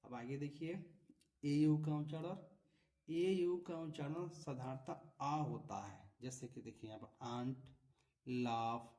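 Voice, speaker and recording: A male teacher explains English vowel rules step by step. He repeats each example word and keeps asking whether the listener follows. His voice is dark and mellow and sounds a little distant from the microphone. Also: medium pitch, slow. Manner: patient, repeats examples, frequent tag questions. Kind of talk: classroom-style explanation. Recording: voice from a distance off the mic.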